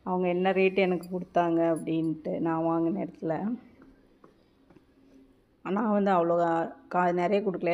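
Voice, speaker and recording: A woman with a low, mellow voice chats informally as a home gardening vlogger, breaking off mid-word and starting over. The sound is dull and lo-fi, like a phone recording. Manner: chatty, informal, frequent restarts and cut-off words. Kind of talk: casual home gardening vlog.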